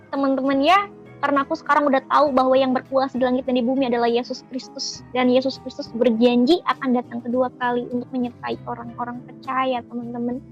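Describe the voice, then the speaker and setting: A woman with a high voice shares a personal religious testimony in an earnest, emotional way. She speaks straight to her listeners as friends, and soft music plays faintly behind her. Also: muffled recording. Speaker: testimony giver.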